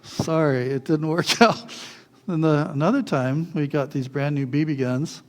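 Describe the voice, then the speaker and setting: Chuckling as he goes, a man with a fairly high voice tells childhood anecdotes in a lively sermon, imitating the people in them before settling into his lesson. He keeps a measured pace.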